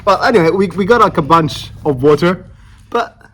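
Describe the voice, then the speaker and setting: A man's voice: sits high, expressive, normal speed, fairly bright tone. A man doing a casual, hands-on product review in an easygoing, joking way. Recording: roomy echo, background noise, clicks.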